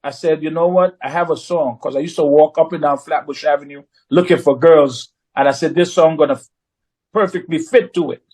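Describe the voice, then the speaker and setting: A man with a notably high speaking voice tells a story in a relaxed, conversational way. He is animated and slips into other people's voices when he quotes them. He sounds middle-aged. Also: brisk, slightly rough, rough recording. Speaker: recording artist guest. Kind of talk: casual storytelling.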